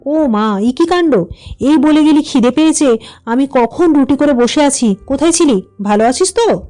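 A fretting village mother, as a woman reader puts her on for an audio story, fussy and quick to climb high when she worries. Her voice is mellow, with faint music behind. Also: animated. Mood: worried. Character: village mother, anxious and scolding.

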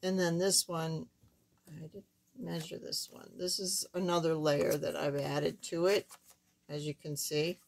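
An older woman with a thin, squeaky voice that sits fairly low and sounds a little hoarse. She talks in a casual, halting way, as the host of a hands-on craft tutorial. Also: steady tone. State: hoarse while recovering from surgery. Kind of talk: casual card-making demonstration. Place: indoors at a wooden craft table, camera overhead.

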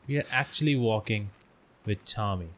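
A man's voice: fairly low pitch, moderate pace, fairly bright tone, slight background noise. A man talking casually over his gameplay, reacting aloud and cursing at the game. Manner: chatty, reacts aloud, laughs and curses at the game. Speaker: gameplay streamer.

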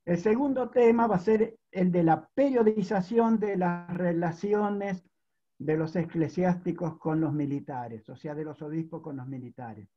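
A man's voice: sits high, a little slow, mellow. A man delivers a formal academic talk as a conference panelist. He speaks methodically and often restates his points as he goes. His voice comes through a video call with choppy, glitching audio that cuts out, and the sound is dull and lo-fi. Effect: choppy audio cutting out over a video call.

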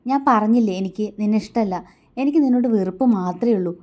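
A woman's voice: a little high, a little fast, a little mellow, muffled recording, close to an everyday voice. Woman voicing a bitter, scornful young husband. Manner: clipped, scornful questions.

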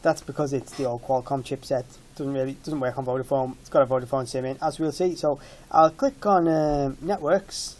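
A man in his thirties walks through a tech product informally, explaining things matter-of-factly. His mid-range, darkish voice holds a moderate pace with hardly any pauses.

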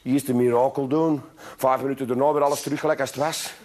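A man's voice: mid-range voice, fairly even intonation, quick pace, a little mellow, a little hiss or hum, pitched below the performer's own voice, lightly acted. A man with a Flemish accent voicing a cheeky, smug boy who works miracles, teasing and offhand. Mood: sulky.

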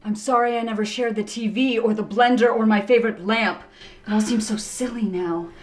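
A woman playing a soothing, sly roommate with a gentle, hushed, reassuring manner. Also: a little high, fairly even intonation, brisk, slight background noise, close to an everyday voice. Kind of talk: comedic web-series acting.

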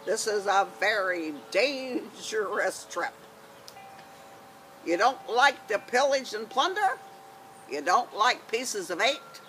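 A swaggering, bad-tempered pirate captain with a warty nose and a cut beard, voiced by an older woman. He growls his boasts in rough pirate talk, unhurried and bright-edged, with a faint hiss of open air behind him. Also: medium pitch, animated, low-quality recording. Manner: growly pirate talk, dropped words, laughs at own menace. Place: outdoors in a garden.

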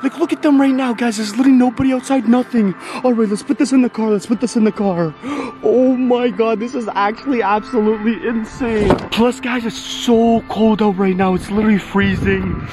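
A young man in his twenties vlogging in a dramatic, excitable way, gasping and constantly calling out to his viewers. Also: very high-pitched, fairly quick. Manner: dramatic, gasping, keeps saying "guys". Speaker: YouTuber. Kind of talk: excited vlog narration. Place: outdoors at night, then indoor room. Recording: loud background music.

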